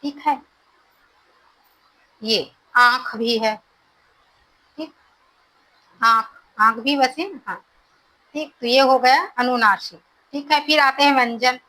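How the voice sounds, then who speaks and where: A woman's voice: high voice, pushed and bright, rough recording. A woman teaching a Hindi grammar lesson for exam preparation, repeating each definition and checking understanding with short prompts. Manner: explains slowly, repeats definitions, checks with "ठीक है".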